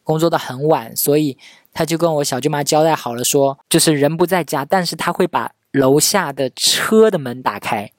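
A podcast host in his thirties tells a family story in a chatty, casual monologue, acting out his relatives' quoted lines. His voice is on the high side and moves at a normal speed. The sound is clean studio quality with no echo.

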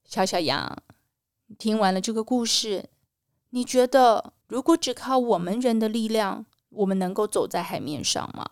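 A woman telling a Bible story to children, gentle and coaxing, asking the little listeners questions, recorded close to the mic. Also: mid-range voice, animated, normal speed, creaky, no echo.

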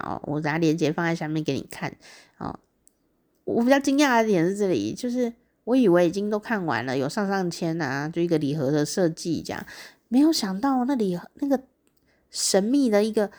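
A woman with a Taiwanese Mandarin accent telling a casual diary story, chatty and excitable, laughing often. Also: fairly low pitch. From Taichung, Taiwan. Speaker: diary podcast host.

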